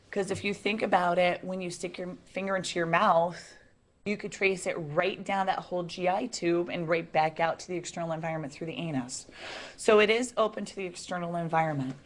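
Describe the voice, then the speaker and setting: A woman giving a classroom lecture in a chatty, relaxed way, asking the students questions as she goes. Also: fairly low pitch.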